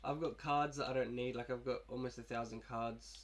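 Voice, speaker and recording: Fairly quick and steady in a mid-range voice, a young gaming YouTuber who is sick and coughing rambles casually about his team. There's slight background noise.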